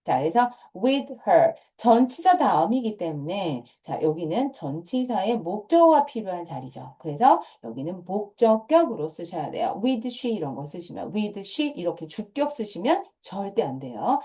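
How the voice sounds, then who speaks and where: A woman's voice: medium pitch, big pitch swings, unhurried, hardly any pauses, warm tone. A middle-aged woman teaching English grammar to middle school students, patient and repetitive, often starting phrases with a short cue word. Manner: patient, repeats key points, starts phrases with "자".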